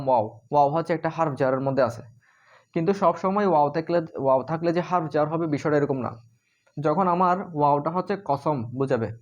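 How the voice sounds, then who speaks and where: Fairly high-voiced man teaching at a board. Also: lo-fi sound. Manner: explains step by step, many "ah" fillers and checking questions. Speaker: Arabic teacher. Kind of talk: casual whiteboard lesson.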